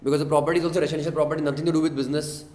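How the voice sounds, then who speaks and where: A man's voice: fairly high pitch, little pitch movement, very fast, darkish tone. A man with an Indian accent teaching an interactive class as a tutor, prodding students with questions and short checks. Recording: echoey room with faint noise.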